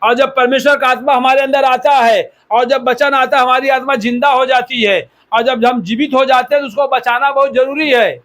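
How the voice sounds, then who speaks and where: A man's voice: extremely high pitch, steady tone, moderate pace, few pauses, a bit bright. A man from India preaching a sermon as pastor, exhorting the listeners and repeating key words for emphasis.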